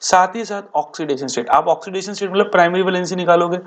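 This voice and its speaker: A male chemistry teacher giving a board exam revision lecture in casual Hindi, asking rhetorical questions and answering them himself, repeating key terms slowly. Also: high voice. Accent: Hindi-speaking Indian. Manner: addresses students as beta and bhaiya.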